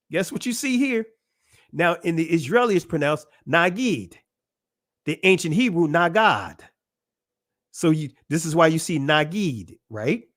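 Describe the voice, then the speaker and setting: A man giving a casual religious teaching talk, emphatic and repetitive, often asking rhetorical questions and laughing between points. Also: a little high. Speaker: channel presenter.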